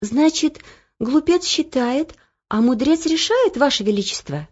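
A woman voicing a lively, bold young girl page in an audiobook. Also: high voice, unhurried, dull audio, voice pushed up. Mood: eager.

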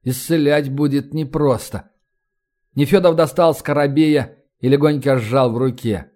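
A man reads an audiobook in an even, measured narration. His voice sits slightly above the usual male range. He keeps a steady storytelling delivery. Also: fairly high pitch. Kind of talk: scripted narration.

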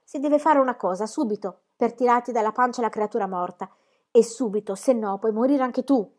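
A woman's voice: on the high side, fairly quick, darkish tone, close to an everyday voice. A woman reading an audiobook, voicing a desperate young male shepherd who pleads frantically and repeats himself.

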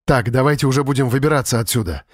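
A man voicing a calm, commanding adult rescuer. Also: mid-range voice, rapid-fire, no echo, studio quality, close to an everyday voice.

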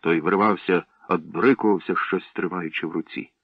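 A man reading a story aloud in a measured, expressive narration. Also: low-pitched, no room sound. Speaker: audiobook narrator. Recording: dull lo-fi, dry.

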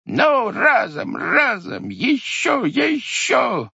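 A man voicing a stubborn old village grandfather who mutters and exclaims gruffly. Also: medium pitch, sing-song, moderate pace, a bit bright, no echo, dull audio. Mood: straining.

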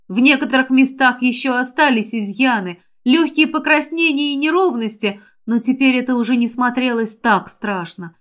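High-voiced woman narrating an audiobook. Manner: emotional, expressive reading that rises sharply in distress. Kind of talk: first-person fantasy audiobook narration.

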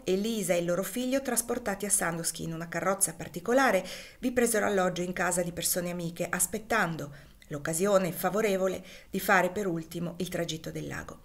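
A woman reading a classic novel aloud in measured, expressive narration whose phrases fall softly at their ends. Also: on the low side. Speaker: audiobook reader. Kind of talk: literary audiobook narration.

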